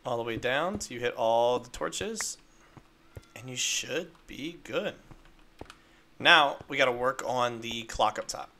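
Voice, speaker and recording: A man's voice: mid-range voice, expressive, slow, sharp tone, a little hiss or hum. A man casually narrating a game-building tutorial step by step, upbeat and playful with little sound effects. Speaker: Minecraft video creator.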